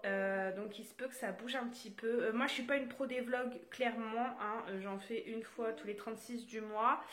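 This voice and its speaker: High-voiced young French mom vlogging. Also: female voice, steady tone, moderate pace, fairly bright tone. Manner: chatty, many fillers, playful sing-song with the children. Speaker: vlogger and mother. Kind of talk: casual home vlog. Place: family home, child's bedroom. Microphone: phone held while filming.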